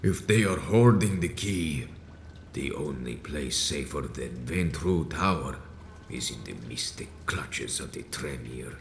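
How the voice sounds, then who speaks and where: Very deep, echoey wounded vampire elder. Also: male voice, lively intonation, creaky, heavily acted. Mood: urgent, foreboding. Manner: slow, grave, theatrical, archaic formal phrasing. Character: wounded, aged male vampire sect leader, grandiose, bitter. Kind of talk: dramatic video game voice acting. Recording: echoey room with faint noise.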